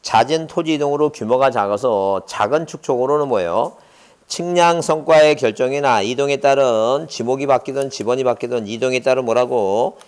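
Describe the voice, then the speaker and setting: A man's voice: medium pitch, normal speed. A middle-aged man giving an exam-prep lecture, constantly quizzing his students with rhetorical questions and drilling memory tricks. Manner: mnemonic chanting, lively delivery.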